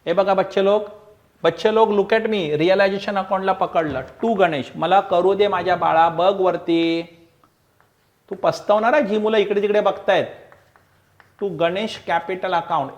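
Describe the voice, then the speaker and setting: Coaxing male accounts teacher, slightly high. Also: steady tone, unhurried, highs cut off. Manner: coaxing, repetitive, mixes Marathi, Hindi and English; acts out student replies. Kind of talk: online classroom lecture.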